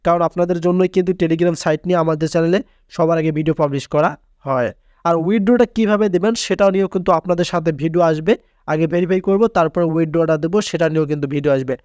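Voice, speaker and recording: A man with a notably high voice leads a screen-recorded app tutorial in an insistent, repetitive way. The recording is close and dry, with no room sound behind him. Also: fairly even intonation, racing, darkish tone, clean tone, no echo. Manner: insistent, repeats filler words for emphasis. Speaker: tutorial channel host.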